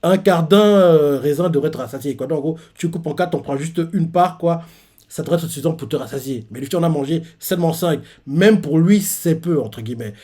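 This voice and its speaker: A man's voice: on the high side, brisk, warm tone. Man rambling through a manga recap. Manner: recounts panels with many fillers and restarts. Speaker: streamer reacting to a manga chapter. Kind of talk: casual live reaction.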